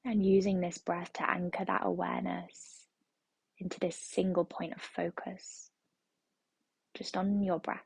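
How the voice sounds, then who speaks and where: A woman leads a guided meditation in a slow, soothing, repetitive way. Her low voice is husky and gravelly, and it stays close and dry. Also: level tone, darkish tone, dry recording. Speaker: yoga teacher.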